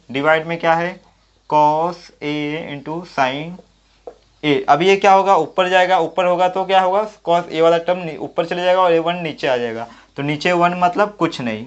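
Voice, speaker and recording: A man's voice: on the high side, moderate pace. A man teaching a maths lesson at the board, thinking aloud and answering his own questions step by step. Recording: dull lo-fi audio.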